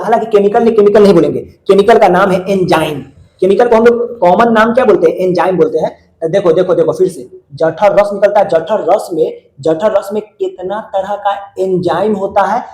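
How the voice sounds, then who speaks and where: A man's voice: sits high, a little mellow. A male teacher, drilling students with repeated call-and-response questions in colloquial speech. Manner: repeats words many times, colloquial. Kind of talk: classroom lesson. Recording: echoey room.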